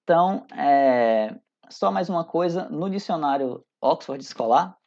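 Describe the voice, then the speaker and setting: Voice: medium pitch, animated, unhurried, darkish tone. A teacher in their thirties with a Brazilian accent, giving a recorded class in an informal, chatty way, often hesitating and restarting sentences. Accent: Brazilian Portuguese. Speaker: English teacher. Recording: dull lo-fi audio.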